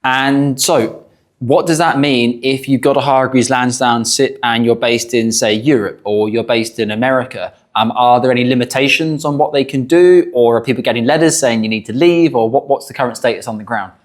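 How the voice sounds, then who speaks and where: A middle-aged man hosts a conversational financial discussion. His voice sits at an ordinary mid pitch, and he talks like an adviser explaining things to an audience. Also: moderate pace.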